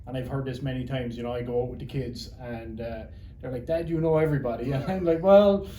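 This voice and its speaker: A man's voice: medium pitch, a little fast, mellow, reverberant, a little hiss or hum, rough recording. A middle-aged man with a Cork Irish accent, chatting as an interview guest and rambling with repeated words. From Ireland. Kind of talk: casual interview chat.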